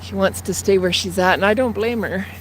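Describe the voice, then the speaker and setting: A Canadian woman in her fifties livestreams from her phone while walking through a city near traffic and train tracks, chatting and rambling to viewers while slightly out of breath. Her mid-range voice is a little fast, and the rough recording picks up outdoor traffic noise.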